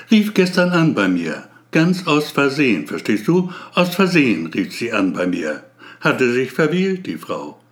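Man reading as a wry, lonely painter. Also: mid-range voice. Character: lonely middle-aged male painter, wry.

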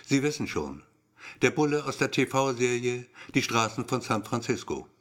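A man narrating a novel in the first person. His delivery is wry and brooding, like an inner monologue. His voice sits at a middle pitch for a man. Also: very animated, moderate pace, a bit bright. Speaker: audiobook narrator.

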